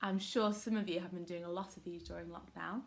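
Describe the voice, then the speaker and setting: A woman's voice: lowish voice, steady tone, a little fast, creaky, slight background noise. A woman teaching a children's phonics lesson, giving short prompts, modelling words syllable by syllable and praising often. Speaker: primary school teacher.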